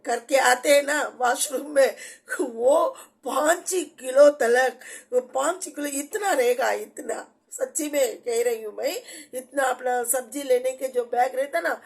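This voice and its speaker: A woman's voice: high voice, slow pace, creaky. A woman giving a personal faith testimony, earnest and repetitive, with frequent restarts. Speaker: church member giving testimony.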